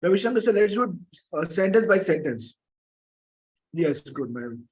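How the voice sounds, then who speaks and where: A man's voice: high-pitched, very animated, normal speed, a little mellow, breathy edge, dull audio. A man teaching an online French class, patiently coaxing students for answers, with many fillers and coughs. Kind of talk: live online class lecture.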